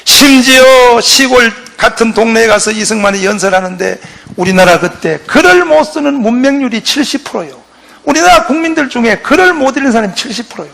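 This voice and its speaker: A male pastor giving a fiery lecture to a forum audience, emphatic, with shouted bursts and rhetorical questions. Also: very high-pitched, expressive, fairly quick, creaky.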